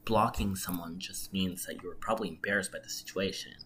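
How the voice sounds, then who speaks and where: A podcast co-host whose first language isn't English shares opinions casually, with emphasis and plenty of slang. The voice is low-pitched, a bit bright, and slightly fast, and background noise comes through clearly.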